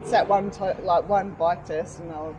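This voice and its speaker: A woman in her forties with an Australian accent, chatting casually about riding, slangy and quick to laugh. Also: fairly low pitch, steady tone, warm tone, slight background noise, poor audio. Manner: laid-back, slangy, laughs often. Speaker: podcast guest, motorcycle rider. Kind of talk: casual chat.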